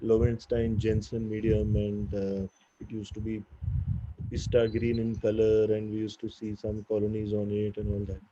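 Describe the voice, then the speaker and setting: Indian doc giving a lecture over a video call, mellow voice, lots of uh and right?, kinda dull muffled audio. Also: male voice, on the low side, monotone, moderate pace, a little hiss or hum. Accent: Indian English. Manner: explanatory, with frequent "uh" and tag "right?". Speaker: doctor teaching postgraduates. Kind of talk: online clinical lecture.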